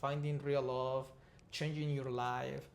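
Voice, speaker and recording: A man's voice: medium pitch, little pitch movement, takes it slowly, creaky, slight background noise. A man from Colombia with a Colombian Spanish accent, a Spanish native speaker talking earnestly as a podcast co-host in casual chat.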